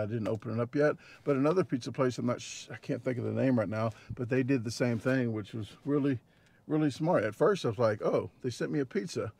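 Parked in his car, a Midwestern American man in his forties, a vlogger and competitive eater, talks casually to a dashboard-mounted camera, rambling with plenty of fillers and restarts. His voice is medium-pitched, creaky and a little mellow.

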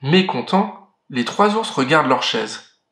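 A man reading a children's story aloud, clear and expressive. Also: medium pitch, measured pace. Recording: roomy echo.

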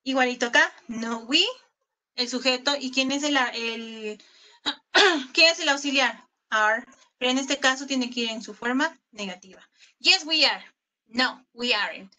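A woman's voice: sits high, unhurried, pushed and bright. A woman English teacher giving a recorded online class in Spanish, patient, often asking her pupils questions. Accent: Peruvian Spanish.

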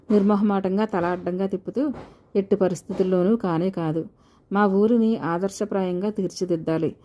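A woman's voice: lowish voice, mellow. A woman reading a novel aloud, voicing every character in her own voice with a slight lift for the dialogue. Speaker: audiobook narrator.

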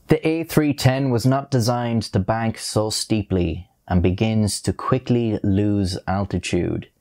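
A young man giving a measured, grave scripted narration of an air disaster, speaking into a lapel mic in a dark studio. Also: deep voice. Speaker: documentary narrator.

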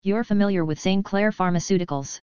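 A woman's voice: mid-range voice, a little fast, a little mellow, smooth, no echo, lo-fi sound, lightly acted. A woman doing a jovial hulking mercenary. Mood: breezy menace. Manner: jokey, overfamiliar, menacing charm. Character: big boisterous jovial male mercenary.

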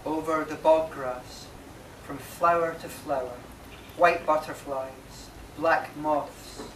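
The man, in his thirties, is a poet giving a slow, measured live recital of his own work in a marquee, pausing between brief phrases. His pitch is fairly high and his intonation fairly even. The audio comes from a camera mic a few metres away, so it sounds distant, echoey and noisy.

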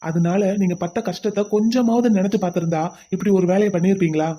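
A woman's voice: mid-range voice, fast talker, dark tone, dull audio, close to an everyday voice. A woman voicing a stern young husband in a cartoon who lectures and scolds. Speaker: cartoon voice actor. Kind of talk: cartoon voice acting.

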